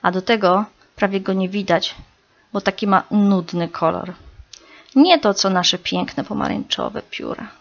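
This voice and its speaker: A woman's voice: medium pitch, a little slow, gravelly. A woman doing a proud father hoopoe. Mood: boastful. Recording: slightly dull recording.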